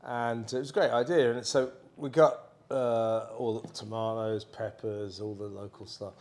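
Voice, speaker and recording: A man's voice: on the low side, level tone, moderate pace, a little mellow. A man co-hosting a casual chat, swearing a lot and acting out what people said as he rambles through a story. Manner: sweary, rambling storyteller who acts out quotes. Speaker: podcast co-host.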